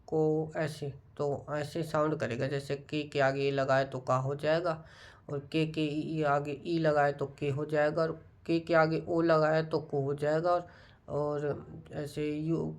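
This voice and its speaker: A man talking casually to viewers in a study vlog, explaining things in an unhurried, musing way. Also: fairly high pitch. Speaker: student vlogger.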